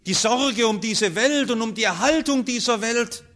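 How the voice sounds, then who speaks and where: A man preaching a sermon, earnest, his voice rising and falling strongly as he speaks. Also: moderate pace. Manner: earnest, with strong rises and falls in pitch and loudness.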